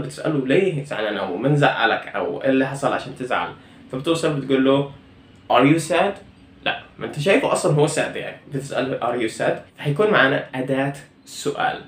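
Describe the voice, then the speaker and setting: Male teacher, patient explainer with slow model sentences, echoey room. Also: a little high, a bit bright. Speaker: English teacher. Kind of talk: online language lesson.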